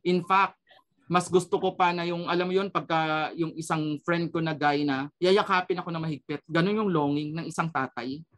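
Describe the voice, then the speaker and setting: Earnest man, slightly higher voice. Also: steady tone, normal speed, a bit bright. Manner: earnest, switches between Tagalog and English, frequent "no?" tag. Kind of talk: personal testimony.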